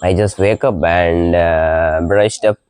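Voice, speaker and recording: Sick with a cold that has lowered his voice dramatically, a young vlogger and native Indian-language speaker practices English in a casual morning video from a balcony with birdsong at dawn. His delivery is slow and halting, full of uhs, fillers and little laughs, while his tone stays steady, darkish and clean. A noise-cancelling mic gives a dry, close sound without echo.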